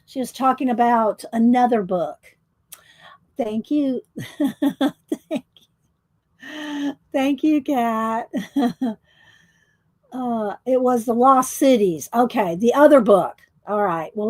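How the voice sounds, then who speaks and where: Chatty woman, slightly high voice. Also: darkish tone, no echo. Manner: rambling, chatty, many restarts. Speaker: livestream host coloring. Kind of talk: casual live-stream chat with viewers.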